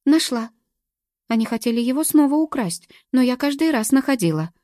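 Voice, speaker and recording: Audiobook: woman reading a childlike, weepy younger sister, high and thin, dry close sound. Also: expressive, normal speed, dark tone, dry recording. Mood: proud. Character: childlike, tearful grown woman, simple-minded younger sister.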